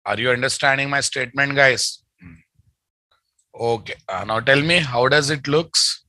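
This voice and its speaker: A man's voice: mid-range voice, measured pace, bright, forceful tone, no room sound. A man in his thirties with a Telugu accent, teaching a live online coding lesson, repeating phrases as he dictates and often checking in with listeners. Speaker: programming instructor.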